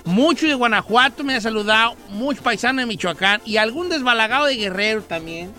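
A radio host with a Mexican accent speaks in a very high, piercing register. His tone is bright and sharp, and he banters in a playful, exaggerated way. Soft music plays faintly in the studio. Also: animated, fairly quick.

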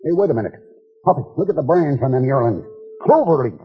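An actor playing a folksy, excitable cowboy sidekick with an American accent in an old western drama. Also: male voice, medium pitch, quick pace, lightly acted. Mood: surprised. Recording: muffled vintage western soundtrack.

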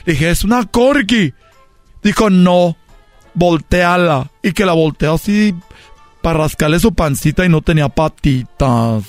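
A man with a Mexican Spanish accent telling an animated comedic story with friends, quoting the voices of the people in it. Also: on the high side, moderate pace, no room sound, soft background music.

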